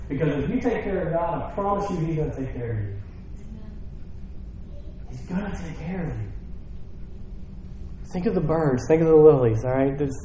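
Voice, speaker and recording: A man preaching a sermon in a relaxed, conversational way, often checking in with his congregation. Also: a little high, slight background noise. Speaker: pastor. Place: church sanctuary. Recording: very echoey hall.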